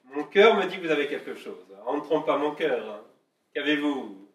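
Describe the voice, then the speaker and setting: A man's voice: a little high, expressive, moderate pace, fairly bright tone, lo-fi sound. An actor playing a gushing, anxious male lover who stammers and pleads effusively. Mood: anxious pleading. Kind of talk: stage comedy acting. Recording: echoey room from far off, faint hiss.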